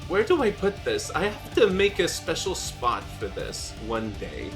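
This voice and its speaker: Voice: medium pitch, very animated, measured pace. A streamer in their thirties chatting casually and playfully with friends during a live game stream. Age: 30s. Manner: bubbly, playful, giggly asides. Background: music.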